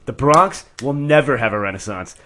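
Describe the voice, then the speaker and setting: A man's voice: mid-range voice, animated, moderate pace, noisy background. A man co-hosting a podcast, telling stories in a crude, exasperated way. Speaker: podcast co-host. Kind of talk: casual podcast banter.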